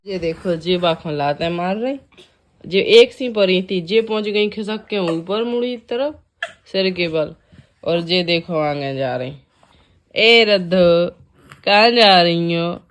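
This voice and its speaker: Chatty village mum with a Bundeli accent. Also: female voice, medium pitch, darkish tone, slight background noise. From Bundelkhand, India. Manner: chatty, teasing, coos at her children. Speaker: vlogger and mother. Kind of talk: casual family vlog narration. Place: village home indoors.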